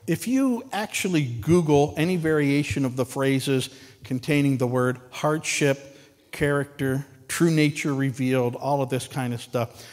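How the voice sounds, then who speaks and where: Slow-speaking man preaching in a reverberant hall. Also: a little high. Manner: conversational and folksy, with some repetitions. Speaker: pastor. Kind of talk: sermon. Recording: long reverb of a large hall.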